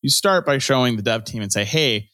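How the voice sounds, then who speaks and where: Fast-talking man on a dry mic. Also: mid-range voice, lively intonation, a bit bright, dry recording. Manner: quick, chatty, laughs between points. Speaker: podcast host. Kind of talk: casual tech podcast discussion.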